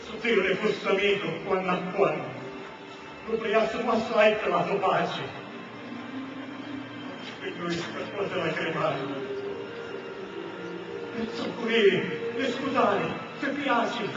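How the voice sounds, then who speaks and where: A man playing a tormented lover's soul in hell, reciting solemn dramatic verse with a Sicilian accent. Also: high voice. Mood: pleading. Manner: slow, solemn, declamatory. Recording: echoing, muffled, distant, loud music behind.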